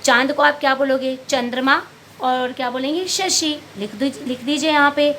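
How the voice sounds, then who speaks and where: A woman's voice: sits high, moderate pace, a bit bright, slight background noise. A woman teacher explaining a Hindi workbook lesson to young pupils, patiently asking questions and answering them herself, calling them beta. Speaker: primary school teacher.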